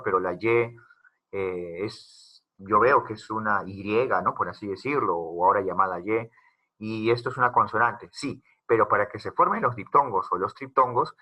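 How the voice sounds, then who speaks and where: A man's voice: on the low side, pushed and bright, breathy edge. A man teaching a grammar lesson, explaining step by step and asking questions to the class.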